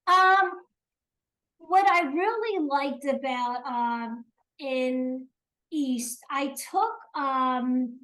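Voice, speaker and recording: A woman's voice: sits high, drawn-out words, a bit bright, rough recording. An older woman from South Jersey with a South Jersey accent, chatting as an interview guest, hesitant with many ums and restarts. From South Jersey, USA. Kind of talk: casual interview chat.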